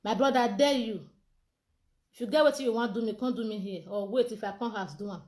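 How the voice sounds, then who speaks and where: A Nigerian woman with a high-pitched voice speaks in a live social media monologue. She sounds heated and insistent, and she keeps demanding to be heard. She comes across as a campaign organizer speaking her mind. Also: fast talker, a little mellow.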